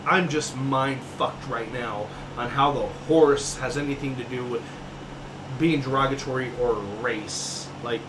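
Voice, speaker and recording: Heated, emphatic rants full of swearing come from a man co-hosting a casual sports podcast. His medium-pitched voice keeps a steady tone and measured pace despite the noisy background.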